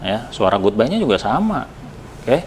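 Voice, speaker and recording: A very animated Indonesian man with a lowish voice reviews a product for a helmet shop at a moderate pace. His talk is casual and halting, sprinkled with occasional English, over a noisy background.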